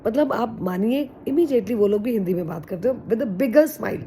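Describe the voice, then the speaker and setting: A woman with a mellow, warm voice gives encouraging advice to her viewers. Her talk is earnest and chatty, with English phrases mixed in. A faint hum of ambient noise sits behind her. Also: fairly high pitch, expressive, normal speed. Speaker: vlogger. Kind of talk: casual motivational talk to camera.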